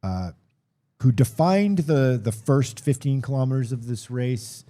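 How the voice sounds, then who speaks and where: A man's voice: medium pitch, expressive, measured pace, warm tone. A man giving conversational live sports commentary on a race, thinking aloud and correcting himself as he goes.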